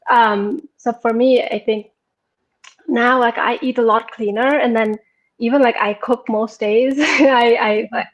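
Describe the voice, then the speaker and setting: A woman's voice: fairly high pitch, low-quality recording. Giggly woman from Nepal. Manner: giggly, frequent laughter, many fillers. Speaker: program participant, guest. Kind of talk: casual conversational testimonial.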